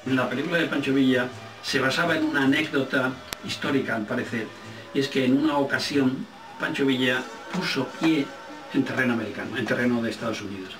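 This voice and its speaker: An older man with an accent from Spain reminisces casually in an interview. His mid-pitched voice sounds distant in an echoing room, and he pauses to search for words, repeating some for emphasis. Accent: Spanish, from Spain. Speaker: film director being interviewed. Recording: roomy, distant microphone, faint music.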